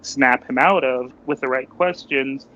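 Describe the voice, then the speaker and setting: A man playing a tabletop game, quickly narrating what his character does. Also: medium pitch, bright, forceful tone. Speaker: player. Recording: dull lo-fi stream audio, faint hum.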